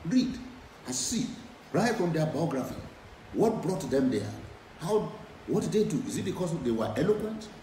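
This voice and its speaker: A man's voice: on the high side, very animated, moderate pace, dark tone, echoey room, far from the mic, a little hiss or hum, poor audio. A middle-aged man preaching a sermon, emphatic and repeating his key phrases over and over. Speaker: preacher and former lecturer.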